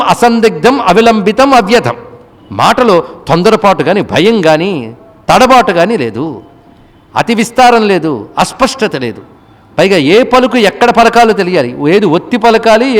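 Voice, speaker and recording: A man giving a devotional discourse. He explains things plainly, slowly chants scriptural verses along the way, and puts rhetorical questions to his listeners. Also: sits high, big-room sound. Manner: asks the audience rhetorical questions. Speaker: spiritual discourse speaker.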